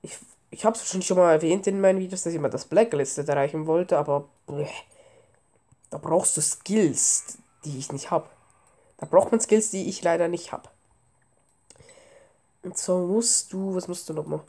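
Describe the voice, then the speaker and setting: A woman with a cold, her voice fairly low and mellow, speaks at normal speed. She's a let's play gamer offering offhand, casual commentary as she plays a game at home, mixing in English gaming terms.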